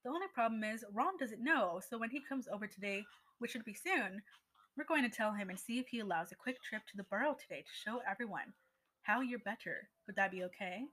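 A woman reading as Hermione, brisk and exasperated. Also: fairly high pitch, expressive, fairly bright tone, low-quality recording.

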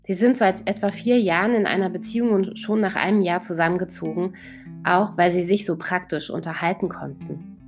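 A woman narrating a first-person novel in a calm, measured reading voice. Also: lowish voice. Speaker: audiobook narrator. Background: faint guitar music.

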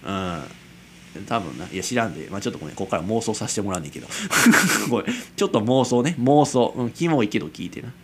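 Background noise runs under a lowish, expressive male voice moving at a quick pace. The speaker is a twentysomething from Kansai, Japan, with a Kansai accent, hosting an amateur late-night radio-style show on his own. He rambles casually, pokes fun at himself and chuckles a lot.

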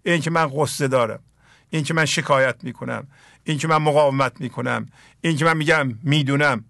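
Gravelly Persian man explaining mystical verses. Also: medium pitch, a bit bright, dry recording, studio quality. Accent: Iranian Persian. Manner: slow, emphatic recitation of verses then plain explanation. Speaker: spiritual teacher. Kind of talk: reciting and explaining mystical poetry.

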